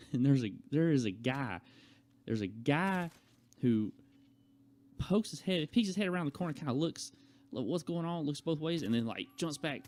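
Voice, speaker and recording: With a mid-range, slightly mellow voice, a young adult vlogger talks casually to his audience. He wanders through a personal anecdote conversationally, performing the quoted lines as he goes.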